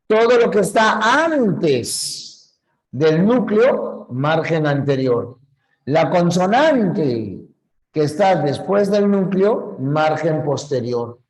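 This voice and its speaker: A male teacher gives a grammar lesson at an extremely slow, deliberate pace, pausing between phrases. His voice sits a little high for a man. He repeats each key point patiently and stops to correct his own slips. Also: big pitch swings, poor audio. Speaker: language teacher. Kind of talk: slow classroom lecture.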